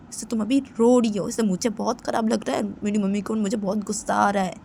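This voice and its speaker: A woman voicing an angry young woman who keeps repeating herself, loud and indignant, in a homemade storytelling video. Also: medium pitch, a little hiss or hum, close to an everyday voice. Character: young woman, furious at her own mother.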